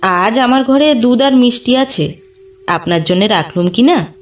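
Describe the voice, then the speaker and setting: A woman's voice: on the high side, measured pace, lightly acted. A woman voicing a proper old town widow. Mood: brisk, insistent. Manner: polished, precise, lightly insistent. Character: refined elderly town widow, brisk and proper. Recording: distant mic, faint background music.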